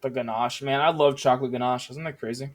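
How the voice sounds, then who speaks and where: A man's voice: medium pitch, fairly even intonation, quick pace. A man doing live play-by-play as a fighting game announcer, chatty and analytical, in short stop-and-start phrases. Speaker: esports match commentator. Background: music playing behind the voice.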